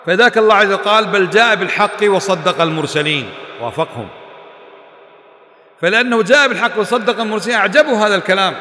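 Man, religious teacher, high voice, fast talk, rhetorical questions, echoey hall. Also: pushed and bright. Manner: rhetorical questions put to the class; emphatic, quizzing listeners. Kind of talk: religious lesson to a class.

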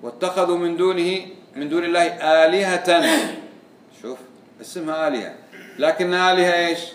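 A man's voice: sits high, fairly quick. A man giving a religious lesson, quizzing his students with repeated questions. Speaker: religious teacher. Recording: echoey room, voice from far off.

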